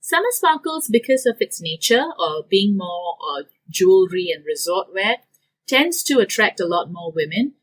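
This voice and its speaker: A woman's voice: mid-range voice, normal speed, poor audio. A woman from Singapore, a business owner, giving detailed interview answers with some fillers. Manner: detailed, steady explaining with fillers.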